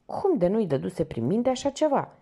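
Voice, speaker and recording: A woman reading a detective novel aloud as an expressive audiobook narrator. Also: medium pitch, breathy edge. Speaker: audiobook reader.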